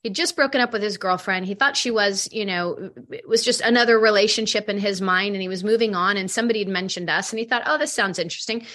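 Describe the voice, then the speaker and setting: A middle-aged woman talks in an interview with a bright, forceful tone. She tells stories with lively energy and acts out what others said. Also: mid-range voice, fast, few pauses. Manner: animated, acts out quoted dialogue. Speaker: matchmaking company head. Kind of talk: interview storytelling.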